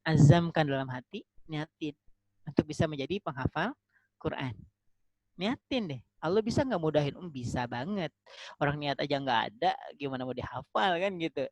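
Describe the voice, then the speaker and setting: A man giving a casual Islamic study talk over a video call, acting out small dialogues and dropping to a soft, drawn-out voice for prayers. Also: on the high side, no echo. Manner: lively, acts out little dialogues in other voices. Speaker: ustadz giving an online religious talk. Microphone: computer or phone mic on a video call. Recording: dull, slightly lo-fi dry sound.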